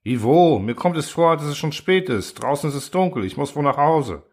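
A man's voice: a little high, expressive, moderate pace, voice pushed up. A man voicing a flustered male robot constructor who protests and pleads in a raised, agitated voice. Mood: puzzled.

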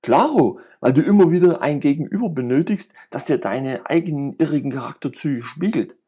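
A man's voice: medium pitch, expressive, normal speed, darkish tone, breathy edge. A man reading aloud and voicing a jovial, talkative middle-aged friend who rambles and teases with cynical humor. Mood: playful teasing. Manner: rambling, playful banter.

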